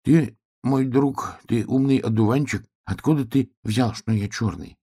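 A man voicing a naive, stubborn little piglet who talks in a quiet, wondering, plaintive way. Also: mid-range voice, measured pace, slightly rough, pitched above the performer's own voice. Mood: puzzled.

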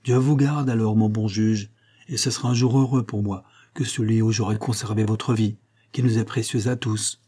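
A man's voice: fairly low pitch, fairly even intonation, normal speed, mellow, husky. A man voicing a poor, secretive old woman who eagerly confides what she has seen, in an audiobook reading. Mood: earnest.

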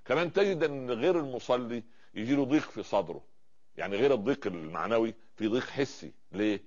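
Egyptian male preacher, rapid lecture delivery, rhetorical questions, muffled lo-fi sound. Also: medium pitch, animated, darkish tone. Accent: Egyptian Arabic. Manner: rhetorical questions, fills gaps with drawn-out pauses. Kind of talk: religious lecture.

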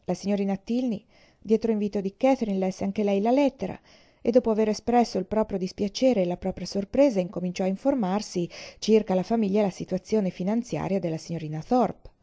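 A woman narrating a classic novel as an audiobook, in a calm, measured reading. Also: mid-range voice. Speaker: audiobook reader.

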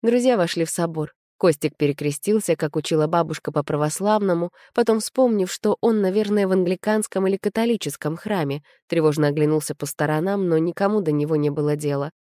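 Lady reading a story aloud, low voice, dry close sound. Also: brisk, few pauses, warm tone, dry recording. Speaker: narrator. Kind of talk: audiobook narration.

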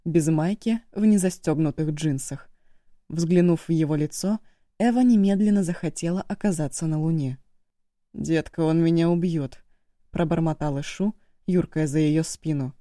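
A woman reading an audiobook as narrator, in steady scripted narration. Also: low-pitched, normal speed, no echo, studio quality.

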